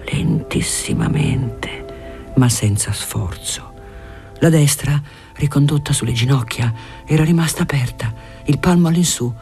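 A measured literary audiobook narration that sinks into whispers at tender moments, read in a breathy voice. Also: mid-range voice, dark tone.

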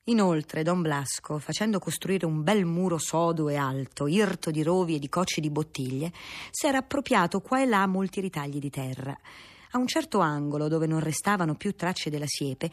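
Lady reading an old novel aloud, husky, kinda low voice, steady pace. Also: moderate pace. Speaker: narrator. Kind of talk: audiobook narration of a classic novel.

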